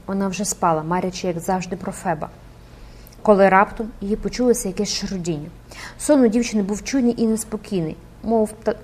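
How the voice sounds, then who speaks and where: A woman's voice: medium pitch, a little mellow, a little hiss or hum. A woman narrating an audiobook dramatically and expressively, rising with the action.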